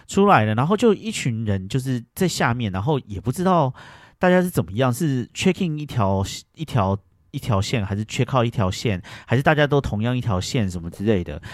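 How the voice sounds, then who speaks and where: Brief: male podcast host, rapid lively storytelling on a dry close mic. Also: mid-range voice, no echo. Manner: animated, retells arguments with bursts of loud indignation. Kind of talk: casual storytelling.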